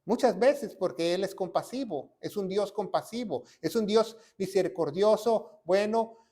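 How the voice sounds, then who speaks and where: A man preaches a sermon in a notably high voice. He tags his points with rhetorical questions and lifts into sudden loud emphasis. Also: a little slow. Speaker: pastor.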